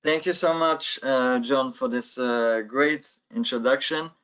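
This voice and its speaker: A French man in his thirties, a sales manager appearing as guest speaker, presents a webinar over a video call from an indoor office, using a headset and many filler sounds. His medium-pitched voice is unhurried, fairly bright and clean. The call audio is dull and lo-fi.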